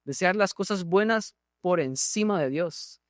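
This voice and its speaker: A Guatemalan pastor preaches to his congregation, throwing questions at the listeners and doubling back on his words as he goes. His voice sits a little high for a man. The sound is dry and close, with little room echo. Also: lively intonation, a little slow. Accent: Guatemalan Spanish. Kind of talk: sermon. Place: church.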